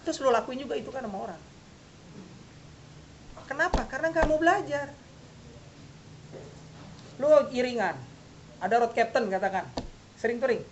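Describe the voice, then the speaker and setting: A man, coaching a group of riders in a blunt, animated way and firing quick questions at them. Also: very high voice, muffled recording, a little hiss or hum. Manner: blunt, animated, quizzes listeners with rapid questions. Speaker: riding safety coach.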